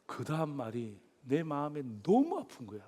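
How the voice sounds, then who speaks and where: A man's voice: fairly high pitch, huge pitch swings, moderate pace, mellow. A male pastor giving a sermon, telling a story with animation and putting questions to the congregation.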